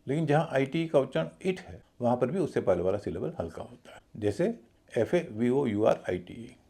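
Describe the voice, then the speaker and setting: A man's voice: mid-range voice, very animated, moderate pace, warm tone, breathy edge. A man teaching English pronunciation in a video lesson, explaining the rules methodically and spelling words out letter by letter.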